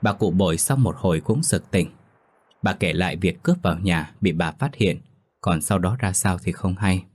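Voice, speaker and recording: A man reading a ghost story aloud as narrator in a steady, grave storytelling manner. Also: deep voice, moderate pace, breathy edge.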